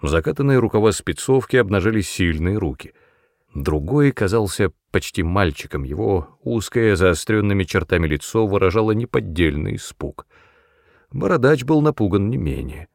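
A man narrating an audiobook in a steady, measured reading voice. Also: on the low side, creaky, no room sound, clean studio sound.

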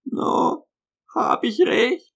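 A male narrator voicing a frail, anxious old mother who clings to her view with childish stubbornness, speaking slowly in a quavering voice. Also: a bit bright. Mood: stubborn. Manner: slow, fretful and sighing.

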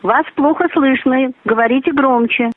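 A woman's high-pitched voice, at a moderate pace and without any room sound, plays over a tinny phone line as a glitchy, robotic call. Whatever response it gets, it just cycles through the same canned stock phrases.

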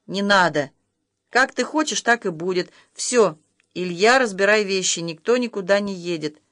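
A reader voicing a distraught young mother who shouts accusations at her husband, in an audiobook. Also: medium pitch, normal speed, no room sound, studio quality, close to an everyday voice. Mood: exhausted. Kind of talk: audiobook role reading.

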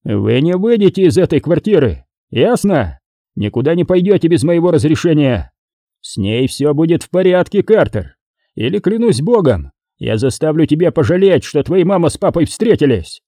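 A volatile, furious gang boss snarls and roars his threats, as a male narrator puts him on. The voice climbs well above the reader's own, husky and dark. It is a dry audiobook reading. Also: sits high, very animated, moderate pace, hardly any pauses, no room sound, voice pushed up, heavily acted. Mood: raging. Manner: snarling, yelling threats in bursts.

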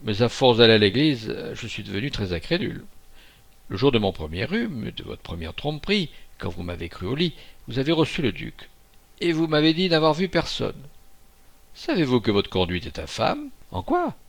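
A man reading a classic novel aloud as a volunteer audiobook narrator, expressive, with occasional hesitations. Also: mid-range voice, moderate pace.

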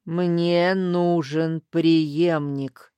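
A woman voicing a blind, tortured old woman who talks slowly in a hoarse, hissing voice. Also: sits low, steady tone, mellow, no echo. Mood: menacing. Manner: slow, drawn-out and menacing.

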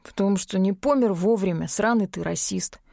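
A woman reading an audiobook, voicing a laconic, melancholic young male werewolf twin in a flat, terse way. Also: medium pitch, moderate pace, creaky, no room sound, clean studio sound. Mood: cool.

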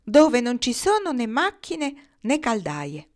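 A woman voicing a young boy flying with wild geese, calling back his answers in a drawn-out, sing-song refrain. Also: fairly high pitch, wildly swooping pitch, pitched above the performer's own voice, heavily acted. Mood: calling, firm.

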